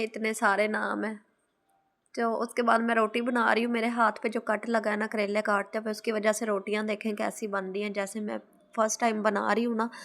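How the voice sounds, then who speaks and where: Chatty housewife, even-toned Pakistani accent. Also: female voice, a little high. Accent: Pakistani Urdu. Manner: chatty, homely, rambling asides. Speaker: vlogger, housewife. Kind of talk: casual voice-over narration.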